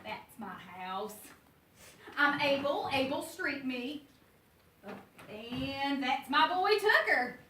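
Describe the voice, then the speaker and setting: A woman's voice: high voice, expressive, slow, sharp tone, exaggerated voice. An actress playing a scrappy male street food vendor who talks in a folksy dialect, in a stage play. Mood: streetwise. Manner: folksy dialect, gruff and bargaining. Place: theater stage. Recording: echoey, distant, noisy stage recording.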